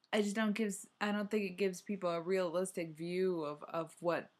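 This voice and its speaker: A woman's voice: lowish voice, a bit bright. A young adult woman chatting casually on a solo running vlog, rambling and hesitant, often restarting her sentences. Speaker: running vlogger.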